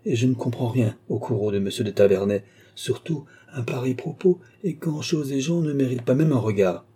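A man voicing a calm, disdainful young noblewoman in an audiobook reading. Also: medium pitch, a little fast, breathy edge, voice pushed up, lightly acted. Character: cold, haughty young noblewoman.

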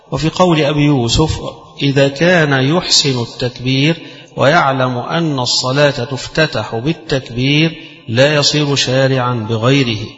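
A man with an Egyptian accent giving a religious lesson, explaining texts in plain speech and reciting quoted rulings slowly. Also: mid-range voice, a bit bright. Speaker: Islamic scholar teaching fiqh. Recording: roomy, long reverb, dull lo-fi sound.

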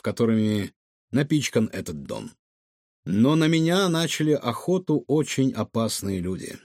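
A man voicing a calm, secretive older male inventor who explains himself in a measured way. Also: medium pitch, dry recording, clean studio sound.

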